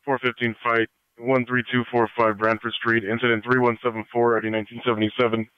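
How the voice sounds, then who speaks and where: A man working as a police dispatcher who reads out addresses and incident codes in clipped, flat bursts over a scanner radio crackling with static. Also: mid-range voice, fast talker, clear, resonant tone, no echo, muffled recording. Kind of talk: radio dispatch call-outs.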